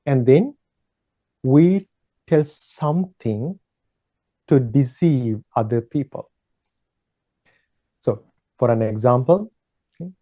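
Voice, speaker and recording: A man who is a Buddhist monk, teaching a slow, measured dharma talk in a gentle, repetitive way with pauses and fillers. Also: on the high side, lo-fi sound.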